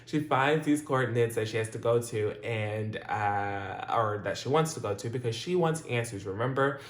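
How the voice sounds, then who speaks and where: A man with a medium-pitched voice talks at a moderate pace as he hosts his own channel. He gives a loose, rambling review of a TV episode, full of fillers, restarts and laughter. The recording has a roomy echo.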